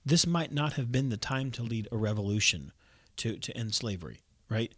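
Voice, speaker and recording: A man's voice: medium pitch, animated, normal speed, a bit bright, no room sound, studio quality. Rambling man in casual faith talk. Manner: rambling, self-correcting, laughs at himself. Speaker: podcast co-host.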